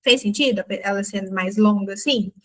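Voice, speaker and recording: A woman teaching an English grammar lesson in Portuguese, chatty and often checking that the learner follows. She slows right down to say each example sentence carefully. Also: medium pitch.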